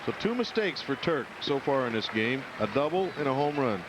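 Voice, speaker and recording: A male baseball color commentator with a medium-pitched voice talks through the game in a folksy, conversational manner. Ballpark noise is clearly heard around him. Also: sing-song, a little fast. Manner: folksy, colloquial. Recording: noisy outdoor ballpark broadcast.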